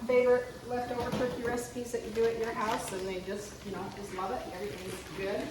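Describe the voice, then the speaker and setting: A woman's voice: a little high, level tone, fast talker, heavy background noise. A woman leading a cooking class who keeps asking the group questions. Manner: friendly, asks the group questions. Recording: echoey room from a distance, loud chatter.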